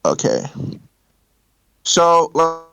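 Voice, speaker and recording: A young man in a casual online debate, halting and repeating himself as his voice call keeps cutting out. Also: on the high side, big pitch swings, gravelly, bright, forceful tone, clean tone, no echo. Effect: choppy voice call cutting out. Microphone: voice chat from a college network.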